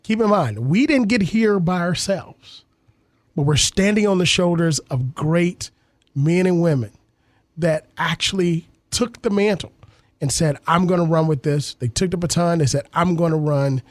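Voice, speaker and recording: Earnest radio host, slightly high. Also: male voice, no echo. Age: 30s. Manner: earnest, civic-minded, repeats words while thinking. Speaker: radio talk show host. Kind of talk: radio interview and commentary.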